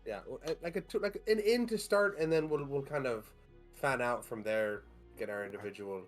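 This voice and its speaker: A man's voice: mid-range voice, normal speed, faint music behind. A man playing a tabletop game, chatting casually and joking with the group. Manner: joking, playful. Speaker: player. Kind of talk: casual chat.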